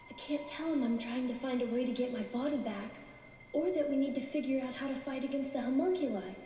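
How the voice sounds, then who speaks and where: A woman voicing a gentle, polite young boy in an anime dub. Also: high-pitched, fast talker, a little hiss or hum, natural voice. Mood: earnest, hesitant. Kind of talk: English anime dub acting. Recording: roomy, distant speaker playback.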